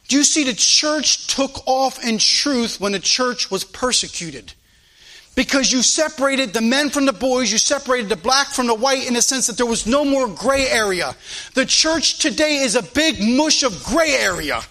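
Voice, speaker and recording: In a church sanctuary, a male pastor with a very high, sharp-toned voice preaches at a normal speed with lively intonation. His sermon is fervent and emphatic, full of rhetorical questions, and was recorded for a live stream.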